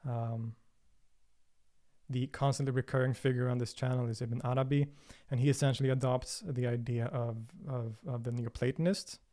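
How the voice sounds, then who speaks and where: Hosting a casual Q&A livestream, a man from Sweden who speaks Swedish as his first language responds thoughtfully to viewers, with many fillers and restarts. He has a warm, mid-range voice with fairly even intonation at a moderate pace.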